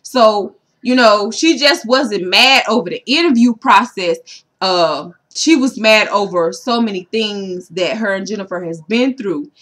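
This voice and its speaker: A woman's voice: medium pitch, unhurried, a bit bright. A woman in a casual vlog, recapping a reality show episode for her viewers and saying "you know" constantly. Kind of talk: casual chat to camera.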